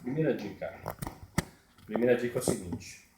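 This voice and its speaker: A man's voice: mid-range voice, animated, normal speed, background noise. A man, teaching puppetry step by step and repeating his points. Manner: repetitive, explains step by step. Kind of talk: tutorial explanation. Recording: echoey room.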